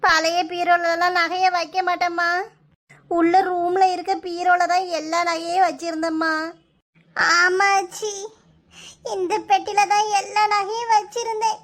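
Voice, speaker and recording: A woman's voice: very high-pitched, level tone, a little slow, a bit bright. A woman voicing emotional village women in a cartoon, speaking with a Kanyakumari Tamil accent. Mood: distraught. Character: high-voiced village women, grandmother and mother.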